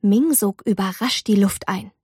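A woman reading a storybook aloud in an expressive, animated way. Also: medium pitch, measured pace, breathy edge, no echo, clean studio sound. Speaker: narrator.

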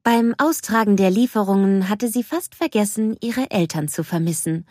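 A woman narrating a children's storybook in a gentle, measured way. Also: mid-range voice, dry recording, clean studio sound. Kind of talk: storybook reading.

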